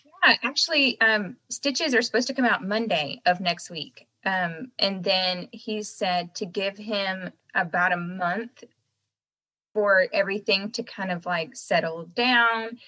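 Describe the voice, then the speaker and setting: A woman's voice: medium pitch, takes it slowly, bright, forceful tone, low-quality recording. An American woman chatting casually as a podcast guest, talking out of one side of a swollen mouth and laughing as she goes. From United States. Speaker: podcast guest, singer-songwriter. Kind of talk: casual chat.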